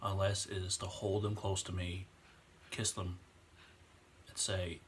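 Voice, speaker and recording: A man's voice: deep voice, level tone, a little hiss or hum. A man, speaking earnestly and emotionally in a personal vlog. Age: 20s. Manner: earnest, emotional, slows down on heavy points. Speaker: vlogger. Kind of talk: impassioned personal vlog rant.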